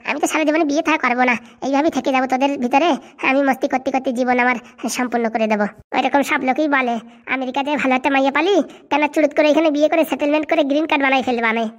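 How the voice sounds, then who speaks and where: A woman voicing a whole bickering rural cartoon family in comic dialogue, with rapid rustic banter full of teasing and scolding. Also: high voice, fairly bright tone, muffled recording. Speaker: voice of all cartoon characters.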